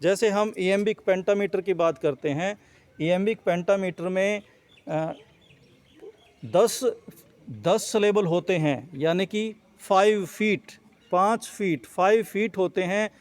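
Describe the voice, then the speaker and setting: High-voiced man teaching poetry slowly. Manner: reads English lines slowly, then explains in Hindi; repeats and rephrases points with fillers. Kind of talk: explanatory lecture.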